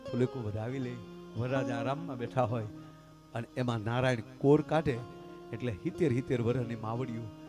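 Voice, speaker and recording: A man's voice: medium pitch, steady tone, fairly quick, over music. A man with a Kathiyawadi Gujarati accent, telling folk stories and jokes on a live stage, chatting with and addressing the audience directly. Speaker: folk storyteller and comedian.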